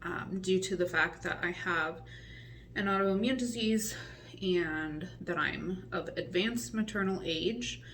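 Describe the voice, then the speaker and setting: A woman's voice: fairly low pitch, slow, fairly bright tone, far from the mic, slight background noise. A woman in her forties chatting casually in a pregnancy update vlog, a little out of breath and full of ums. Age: 40s. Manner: rambling with many ums, chatty and upbeat. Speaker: vlogger.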